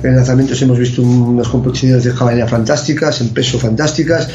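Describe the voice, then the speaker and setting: A man's voice: mid-range voice, fairly even intonation, fast, dark tone. A man speaking as an athletics expert guest, giving opinionated, analytical interview answers. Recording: roomy, dull lo-fi sound.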